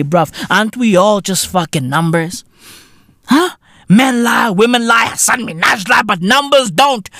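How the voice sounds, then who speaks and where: A man from Africa, hosting a podcast in a loud, rambling, profane comedic monologue full of slang and laughter. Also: high voice, no room sound, studio quality. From South Africa. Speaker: podcast host.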